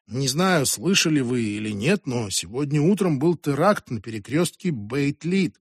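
A man's voice: medium pitch, expressive, moderate pace, breathy edge, no echo, clean studio sound. A man voicing a flustered young religious lieutenant who talks in an awkward, mumbling and blunt way.

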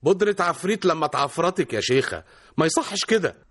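A man's voice: on the high side, animated, fast talker, a bit bright. An actor playing a teasing, joking young man with an Egyptian accent in a radio drama. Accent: Egyptian Arabic. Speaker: suitor.

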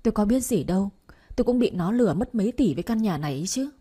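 A woman voicing an older mother who has been swindled, crying out in a shrill lament. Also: lively intonation, very fast, dark tone, husky. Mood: pleading.

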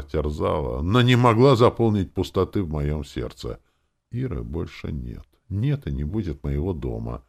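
Мужчина читает фэнтези-аудиокнигу от первого лица, драматично, то мрачно, то насмешливо. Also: male voice, very deep voice, creaky, a little mellow, slightly rough. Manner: dramatic, swinging between grim and mocking. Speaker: audiobook narrator. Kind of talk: first-person audiobook narration.

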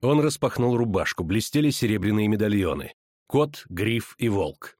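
A man narrating a fantasy audiobook in a steady, even storytelling voice on a close studio mic. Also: on the low side, normal speed, no room sound.

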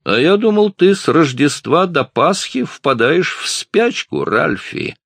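A man voicing a big, loud, mocking man who taunts others in an audiobook. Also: on the high side, big pitch swings, a little slow, vocal fry, no echo, pitched above the performer's own voice, full character voice. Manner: jeering, raised voice.

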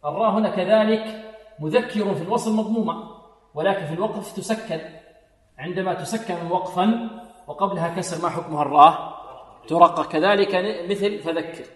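Echoey Quran teacher quizzing a class. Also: male voice, high-pitched, fairly bright tone. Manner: questions the class and answers himself, chants verses slowly. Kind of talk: tajweed lesson with recited examples. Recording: echoey hall, voice a bit distant.

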